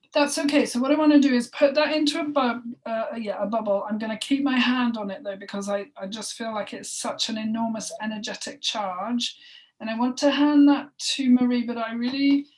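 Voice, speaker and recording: Woman leading a halting healing session. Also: a little high. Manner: halting and emotional, with sighs and soft breathy asides. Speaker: healing session practitioner and co-host. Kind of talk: spoken energy healing session. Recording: voice distant from the mic.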